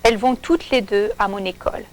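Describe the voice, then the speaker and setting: A woman narrating a simple storybook for learners, reading slowly and clearly in short sentences. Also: medium pitch, poor audio.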